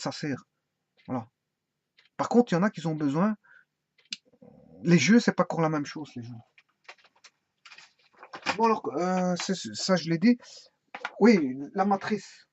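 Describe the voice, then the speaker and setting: A man's voice: fairly high pitch, darkish tone. Hesitant man rambling through a keyboard tutorial. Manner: rambling, hesitant, many fillers and restarts. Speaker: tutorial presenter. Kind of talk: casual spoken tutorial on laptop keyboards. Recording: dull lo-fi sound with faint hiss.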